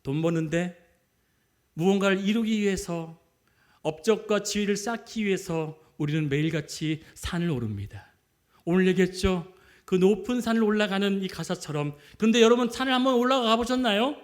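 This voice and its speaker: High-voiced pastor preaching with emphasis. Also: male voice, lively intonation, normal speed. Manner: emphatic, rhetorical questions to the congregation. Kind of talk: sermon. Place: church sanctuary.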